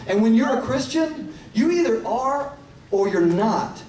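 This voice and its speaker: His voice is extremely high, expressive, and a little mellow, and he takes his time. He's a man in his thirties from Tennessee with a Southern accent, preaching a joking, drawn-out live sermon that builds into fervor. It's recorded from a distance in an echoey hall with audible room noise.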